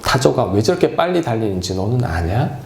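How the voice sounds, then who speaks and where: A preacher voicing a stern, demanding God. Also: male voice, medium pitch, very animated, creaky, roomy sound, slight background noise. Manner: demanding, rapid-fire rhetorical questions. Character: stern almighty male God interrogating a man.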